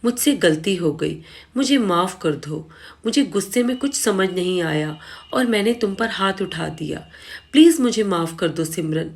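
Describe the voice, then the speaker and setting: A woman's voice: fairly low pitch, animated, measured pace, darkish tone, husky, full character voice. A woman reading the part of a suspicious, jealous young husband in an accusing, angry voice. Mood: apologetic.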